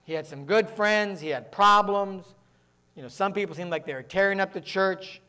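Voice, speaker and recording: A man from the northern United States preaching a sermon as pastor, talking fast and mixing in joking asides. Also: sits high, bright, forceful tone, smooth.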